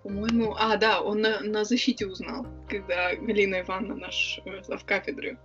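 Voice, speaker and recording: In this relaxed interview, the guest is a young adult woman who writes and runs a club, speaking fast and chattily while hesitating often. Her voice is mid-range, slightly bright and fairly even in pitch, captured in lo-fi sound with faint music behind.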